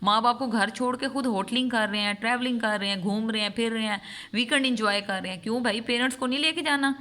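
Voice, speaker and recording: A woman's voice: medium pitch, bright, forceful tone. A mother talking earnestly to her vlog audience, stressing her points with long runs of repeated phrases. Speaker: vlogger and mother. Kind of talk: heartfelt vlog monologue.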